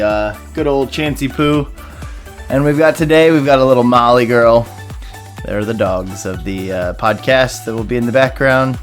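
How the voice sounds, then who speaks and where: A young man hosting a casual podcast chat, relaxed and rambling, with many fillers. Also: mid-range voice. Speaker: podcast host.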